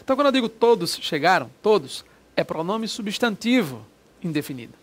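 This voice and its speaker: A man's voice: high-pitched, big pitch swings, brisk. A man teaching a grammar lesson for an exam, explaining step by step and asking himself rhetorical questions.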